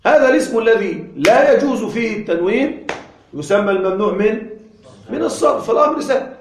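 High-voiced man teaching grammar patiently. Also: expressive, roomy sound, a little hiss or hum. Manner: patient, repeats examples slowly, asks and answers own questions. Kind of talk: classroom grammar lesson.

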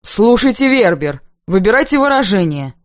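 A sulky young man, played by a woman reader, grumbles with irritation in short, curt phrases. The voice sits at a middle pitch and is recorded dry and close. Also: very animated, moderate pace, no echo, close to an everyday voice. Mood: grumbling, irritated.

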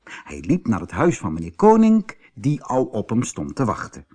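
A man from the Netherlands reading a storybook aloud in an expressive, unhurried way. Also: medium pitch, a little hiss or hum. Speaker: storybook narrator. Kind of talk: scripted storybook narration.

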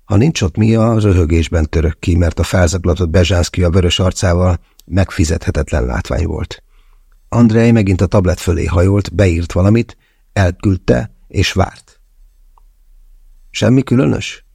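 A man's voice: low voice, creaky, mellow, slightly rough, no room sound, clean studio sound. A man narrating a novel in the first person as an audiobook, in a wry storytelling manner.

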